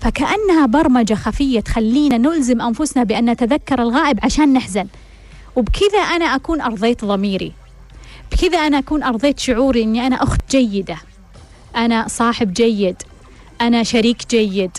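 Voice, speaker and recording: Woman, advice host, blunt, rhetorical questions, rapid delivery. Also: fairly high pitch, darkish tone. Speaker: advice host answering listeners. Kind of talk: frank advice talk.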